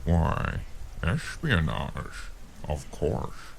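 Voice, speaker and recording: An actor playing a wary, foul-mouthed streetwise man with formal turns of phrase and a gravelly voice in a noir audio drama. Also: a bass voice, big pitch swings, drawn-out words, slight background noise, full character voice. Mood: wary, dry. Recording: music behind the voice.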